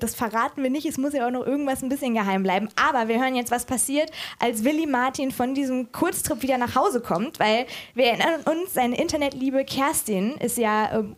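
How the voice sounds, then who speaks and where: A woman's voice: high-pitched, a little fast, few pauses, dry recording. Chatty woman host, dry close sound. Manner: chatty, enthusiastic. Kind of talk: casual moderated chat. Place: live reading event with audience.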